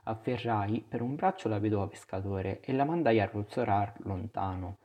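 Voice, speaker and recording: A man narrating a literary novel in the first person, with a measured, expressive storytelling delivery. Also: on the low side. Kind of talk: audiobook reading of a literary novel.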